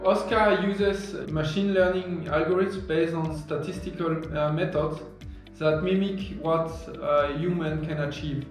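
A man in his thirties, an engineer explaining his product to camera in a halting, earnest way with many restarts. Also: on the high side, steady tone. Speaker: engineer and founder of a marine detection product. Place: office room, indoors. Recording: very echoey office with faint music.

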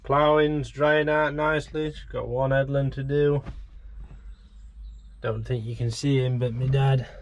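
A man's voice: medium pitch, steady tone, unhurried. A man, chatting wryly as a farmer vlogging from his tractor. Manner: chatty, wry, self-deprecating. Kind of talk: casual vlog narration. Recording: engine noise behind. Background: tractor engine.

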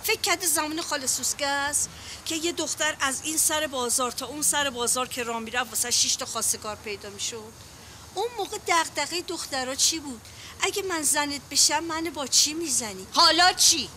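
A woman's voice: sits high, sharp tone, a little hiss or hum. An actress playing a protective, fussing aunt and mother who lectures in folksy sayings. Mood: lecturing. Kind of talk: Persian TV comedy series acting.

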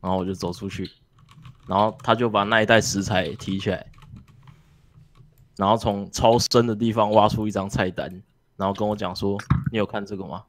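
A man's voice: lowish voice, fairly even intonation, moderate pace, pauses often, dry recording. A man telling a story in a casual group chat, swearing casually as he goes.

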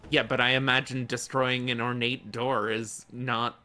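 Playful male gamer, unhurried, strikingly bright voice, banter-heavy. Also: mid-range voice, little pitch movement, slight background noise. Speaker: guest gamer. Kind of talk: casual stream chat while playing.

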